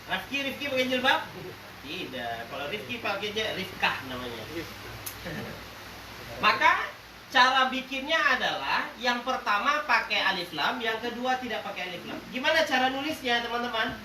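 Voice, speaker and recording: A man teaching a lively grammar lesson to a class, quizzing them playfully, joking, and drawing out example words slowly. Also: very high-pitched. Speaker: religious teacher. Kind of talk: classroom lesson with call-and-response. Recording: roomy, distant classroom recording with faint noise.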